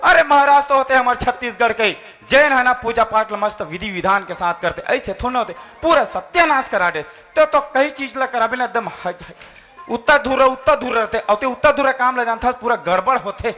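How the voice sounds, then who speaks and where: Mocking householder, chhattisgarhi accent, high bright voice. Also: male voice, moderate pace. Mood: scolding. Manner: mockingly parrots the priest, laughs while scolding. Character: exasperated village householder, adult man, mocking. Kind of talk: comic sketch acting.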